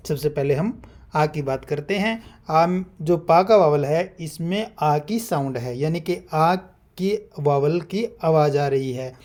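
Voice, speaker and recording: Slow, methodical male shorthand teacher. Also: high-pitched, mellow. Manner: methodical, spells out example syllables one by one. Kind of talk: classroom-style explanation.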